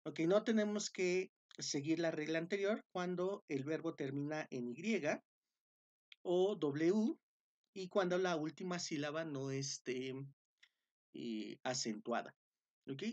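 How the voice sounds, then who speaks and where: Slow, patient woman teaching grammar. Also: low-pitched, darkish tone, highs cut off. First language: Spanish. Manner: patient, drawn-out, repeats each rule in Spanish. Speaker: English teacher. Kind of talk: slow classroom-style grammar explanation.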